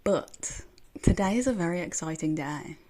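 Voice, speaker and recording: A woman chatting excitedly about books as she unboxes them, her voice recorded on a phone voice recorder app. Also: on the low side, moderate pace. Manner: excitable, gushing. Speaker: book vlogger. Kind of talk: casual unboxing chat. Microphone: phone voice recorder used as microphone.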